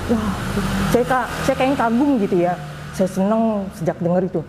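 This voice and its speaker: A woman telling her personal story, voicing the people in it with animated quoted dialogue. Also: mid-range voice, a little fast, noisy background. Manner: recounts with lively quoted dialogue. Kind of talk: personal testimony.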